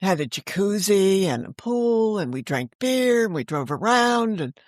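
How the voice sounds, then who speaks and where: An author and audio drama creator near seventy tells relaxed, candid stories as an interview guest, animatedly acting out people's quoted words. Her mid-range voice is a little mellow and very animated, and she's unhurried. It's a dry, studio-quality recording.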